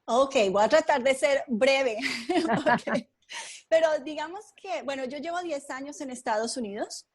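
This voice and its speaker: Woman from Colombia, podcast guest, fairly high voice, thoughtful, many fillers. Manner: thoughtful, unhurried storytelling with frequent fillers. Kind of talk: conversational interview.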